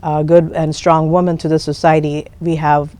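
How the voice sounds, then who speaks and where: A woman's voice: sits low, level tone, normal speed, mellow. A woman from Pakistan, a guest on a TV interview show, speaking politely with many hesitations.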